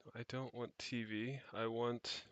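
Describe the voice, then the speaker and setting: On an unscripted livestream from his rented home, a tech hobbyist streamer tinkers while rambling, thinking aloud and swearing casually. His mid-range voice is a bit bright and slightly slow with little pitch movement, and there's no room sound.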